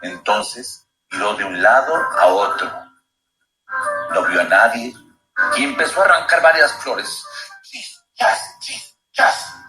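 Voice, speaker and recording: A man reading his own story aloud, expressive and slowing down for suspense. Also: lowish voice. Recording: roomy echo with music bed.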